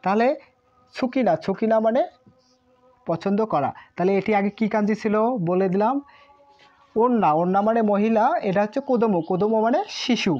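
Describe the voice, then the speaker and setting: A Japanese language teacher with a warm, mid-range voice leads a kanji lesson in Bengali. She is patient and repetitive, running through each word several times, and the sound is muffled and lo-fi.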